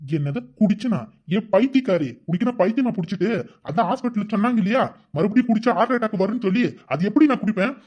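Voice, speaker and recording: Man doing a gruff village dad, fast, defensive, cartoon voice, dull lo-fi sound. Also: sits high, expressive. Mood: indignant. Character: middle-aged village father accused of drinking. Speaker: husband.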